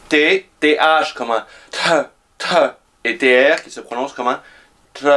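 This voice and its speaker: A man's voice: medium pitch, a bit bright. A man giving a pronunciation lesson, carefully demonstrating letters and sounds one by one. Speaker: language teacher.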